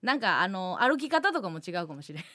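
A woman's voice: medium pitch, big pitch swings, sharp tone, no echo. Osaka lady radio host, jokey and brash, voice jumps all over, dry close studio sound. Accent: Osaka Japanese. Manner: brash, joking, quick to laugh. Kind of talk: live radio chat.

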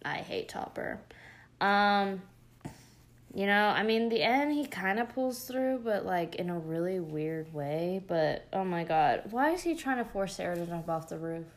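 A woman's voice: mid-range voice, lively intonation, measured pace. A young woman chatting casually as she recaps a show, rambling with lots of fillers and gushing asides. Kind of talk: casual chat.

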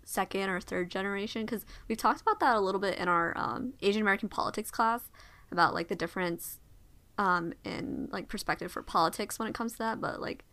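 Brisk and bright with a forceful tone, this medium-pitched woman's voice belongs to a young adult discussion leader. In a casual conversation she shares a memory chattily and reflectively, then follows up with questions for her friends.

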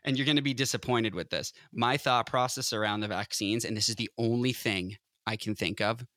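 A man's voice: lowish voice, fairly quick, bright, forceful tone, dry recording, clean studio sound. A man in his early thirties in casual chat, rambling with many restarts and laughing easily. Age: 30s. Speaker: podcast co-host.

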